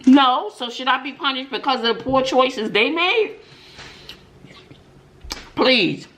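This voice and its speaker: With a high, animated and slightly bright voice, a middle-aged woman speaks at a slow pace to her viewers. She is a mukbang vlogger and middle school teacher doing casual story time and opinion talk, emphatic, with rhetorical questions and many "mm-mm" interjections.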